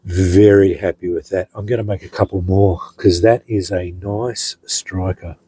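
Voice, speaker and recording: A middle-aged man, a hobby blacksmith, casually showing off his finished pieces in an unhurried, rambling way, with many ums and restarts. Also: sits low, steady tone, warm tone, slight background noise, low-quality recording. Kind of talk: casual show-and-tell narration.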